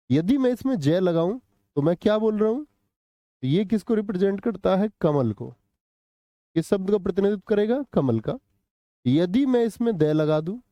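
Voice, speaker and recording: Male teacher on a live exam-prep stream, keeps questioning the class; higher pitch, warm and mellow, dry room. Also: no echo, lo-fi sound. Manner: quizzes students with repeated questions, answers live chat. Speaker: Hindi teacher.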